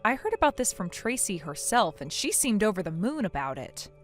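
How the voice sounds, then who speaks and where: A woman's voice: mid-range voice, big pitch swings, brisk, faint music behind, natural voice. A woman playing a weary, sarcastic younger sister in a scripted audio story, speaking in a dry, curt, guarded way.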